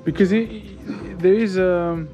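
Holding an action camera at arm's length, this thirtysomething French vlogger talks slowly in a high, steady voice around a temple courtyard and nearby streets. The recording is muffled, with music in the background, yet his casual chat stays enthusiastic and full of laughter.

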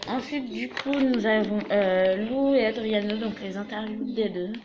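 A woman's voice: medium pitch, measured pace, lo-fi sound, background noise. A young woman showing her fan collection to the camera in a casual show-and-tell, chatty and full of filler words, recorded in a small room. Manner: chatty, leans on fillers like "voilà" and "du coup".

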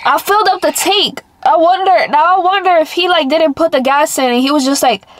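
High, congested nasal young woman. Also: slight background noise. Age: young adult. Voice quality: congested nasal voice, as with a broken nose, nose blocked by splints. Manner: pauses for breaths through the mouth. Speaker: prank vlogger. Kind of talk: casual chat to camera. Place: inside a parked car.

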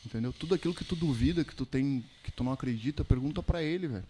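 Podcast guest, man, mid-pitched, slangy animated storyteller. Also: very fast, slight background noise. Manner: animated storyteller, slangy, calls listeners "mano". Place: podcast studio.

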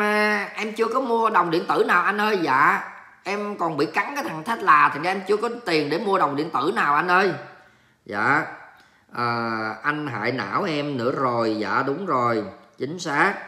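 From his home in Texas, a Vietnamese man hosts a casual livestream, reading viewer comments out loud and cracking exclamatory jokes with English words mixed in. His voice sits a little high and sounds pushed and bright. The room is echoey.

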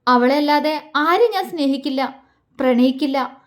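A woman's voice: high voice, normal speed, lightly acted. A woman voicing a grieving young man torn between two loves, pleading and anguished in an audio story. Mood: brooding. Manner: anguished, pleading inner monologue.

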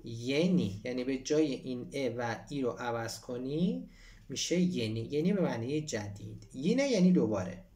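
A man with a background teaching Turkish in a relaxed online lesson. His voice is lively and animated, rising and falling a great deal. He reads the Turkish lines slowly and then explains them in easy, chatty speech. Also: medium pitch, distant mic. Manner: switches between Persian explanation and slow Turkish reading.

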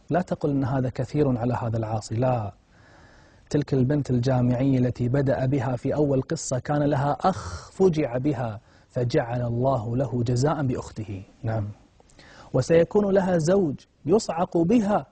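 A man's voice: medium pitch, dark tone, a little hiss or hum. A man preaching a moral sermon, telling a story in a dramatic, impassioned way that swells at emotional moments.

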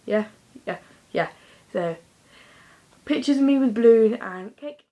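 A woman's voice: on the high side, animated, a little slow, mellow, rough recording. A teenage girl talking casually to her own camera in a chatty, rambling vlog with lots of fillers. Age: teens. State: slightly out of breath. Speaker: vlogger. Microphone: handheld device camera.

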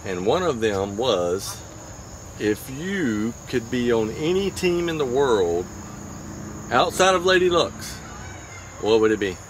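A man's voice: medium pitch, very animated, slow pace, long pauses. A man interviewing people outdoors in a casual, playful, chatty way. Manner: chatty, playful, laughs easily. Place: outdoors by railroad tracks. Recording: outdoor insect noise. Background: crickets and insects.

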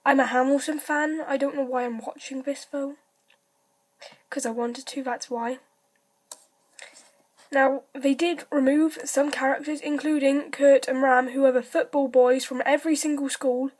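A woman's voice: high voice, fairly even intonation, moderate pace. A woman vlogger talking casually and rambling to her camera. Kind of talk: casual vlog.

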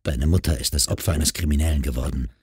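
Audiobook: narrator doing a patient, caring man, very deep, husky voice, dry sound. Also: quick pace, no echo, full character voice. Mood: earnest. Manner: calm, patient, persuasive. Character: calm, caring grown man who counsels a troubled girl.

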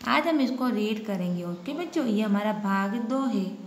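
A woman's voice: mid-range voice, animated, a little slow. A woman Hindi teacher giving a lesson, explaining step by step and repeating questions to the children. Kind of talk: online class lesson. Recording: echoey room with faint hiss.

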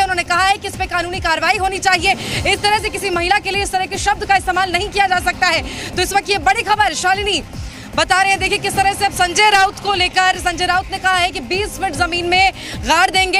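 A woman reporter reads out breaking news with urgency, circling back to the same points. Her voice sits very high. Clear background music plays under her. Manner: urgent, repetitive delivery.

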